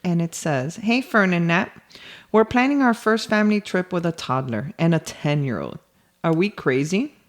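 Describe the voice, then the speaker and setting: A woman co-hosting a casual podcast, telling family stories in an animated way and laughing often. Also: on the low side, normal speed. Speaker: podcast co-host. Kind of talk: casual chat.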